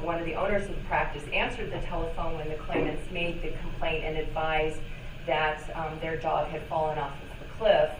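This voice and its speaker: A woman attorney giving a formal, hesitant statement to a board, with many filler pauses, captured as a hearing-room recording. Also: low voice. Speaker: attorney addressing a licensing board. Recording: echoey hearing room, distant mic, noisy.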